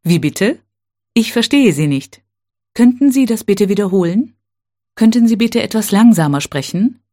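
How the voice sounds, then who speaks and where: A woman teaching a language, reading set phrases one at a time in a slow, careful, clearly spaced way. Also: medium pitch, lively intonation, dark tone.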